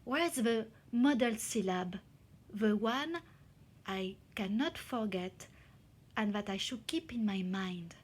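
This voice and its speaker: A woman teacher explaining a reading exercise to children slowly and carefully, sounding out syllables. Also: mid-range voice, expressive. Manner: slow, careful, spelling out syllables. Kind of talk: slow classroom explanation in two languages.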